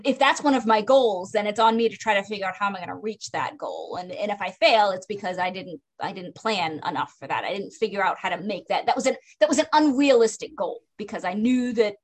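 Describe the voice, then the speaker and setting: A woman's voice: medium pitch, lively intonation, a little fast, hardly any pauses. A woman author with a light Maine accent, hosting a casual chat with frequent agreeing fillers. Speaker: podcast host, author.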